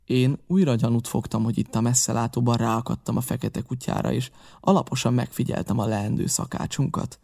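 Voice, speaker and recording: A man narrating an adventure novel as an audiobook reader in a steady, even way. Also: medium pitch, creaky. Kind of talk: scripted narration.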